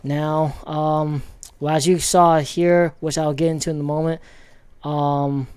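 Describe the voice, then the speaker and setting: A man casually rambling through football commentary with many pauses and restarts. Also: fairly high pitch, level tone, a little mellow, clean tone, no room sound. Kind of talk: casual sports commentary vlog.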